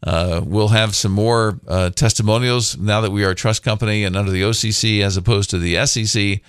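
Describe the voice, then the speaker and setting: Low-voiced man hosting casual radio talk. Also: steady tone, brisk, a bit bright, clear, resonant tone, no echo, studio quality. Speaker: radio host and financial advisor.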